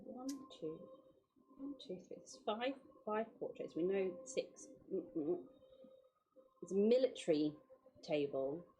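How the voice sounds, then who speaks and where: Husky woman chatting at a game table. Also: fairly low pitch, big pitch swings, takes it slowly, pauses often, mellow. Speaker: player in a tabletop role-playing game. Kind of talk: casual tabletop chat.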